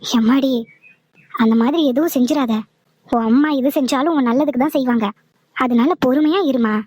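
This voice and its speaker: A woman's voice: high voice, normal speed, darkish tone, no echo, pitched below the performer's own voice. A woman voicing a stern, bossy older woman caretaker in a cartoon, scolding and giving orders. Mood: coaxing. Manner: scolding, commanding. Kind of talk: cartoon voice acting.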